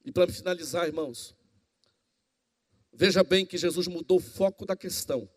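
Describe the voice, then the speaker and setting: High-voiced preaching man in reverberant hall. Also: moderate pace. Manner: animated preaching, acting out dialogue. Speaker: pastor. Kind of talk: sermon. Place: church hall. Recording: long reverb in a church hall.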